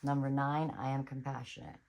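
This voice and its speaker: A woman's voice: a bass voice, flat delivery, brisk, darkish tone, slight background noise, poor audio. A woman giving a casual tarot reading on her channel, chatty and reassuring, thinking aloud as she goes. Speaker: tarot reader.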